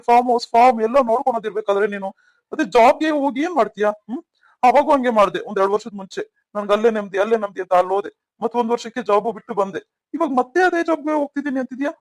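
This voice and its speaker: A man's voice: extremely high pitch, very fast, no room sound. A man voicing a caring young elder brother who consoles and questions his sibling in a cartoon story. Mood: worried. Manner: concerned, soothing.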